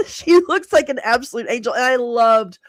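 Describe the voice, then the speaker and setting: A woman's voice: on the high side, moderate pace, no echo, studio quality. A middle-aged woman hosting a live stream, chatting casually, laughing often and answering viewers by name.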